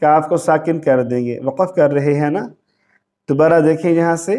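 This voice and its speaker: A man teaching Quran recitation, reciting each word slowly in a melodic chant, repeating it, and adding plain spoken instructions. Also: on the high side, dark tone. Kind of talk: slow step-by-step recitation lesson.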